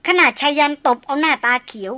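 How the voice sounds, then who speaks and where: A woman's voice: high-pitched, lively intonation, fairly quick, bright, forceful tone, dry recording, pitched above the performer's own voice. A woman reading an audiobook who voices a proud, jealous young noblewoman with sarcastic, clipped retorts.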